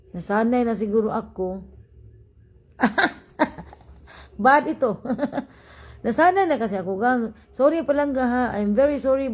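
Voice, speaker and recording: A woman from Cebu with a Cebuano-tinged accent tells a story to her viewers in a casual vlog, laughing and putting on the voices of the people she quotes. Her voice sits a bit high and has a husky edge. The tone is mellow rather than bright. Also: low-quality recording. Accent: Cebuano-tinged Filipino. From Philippines (Cebu). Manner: animated, acts out quoted people, laughs often. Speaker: vlogger living abroad.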